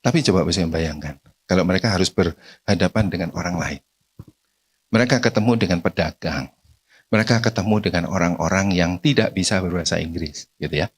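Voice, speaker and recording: A man's voice: low-pitched, brisk, husky. A man giving a casual seminar talk to parents, conversational, forever tossing tag questions at the audience. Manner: acts out short everyday dialogues.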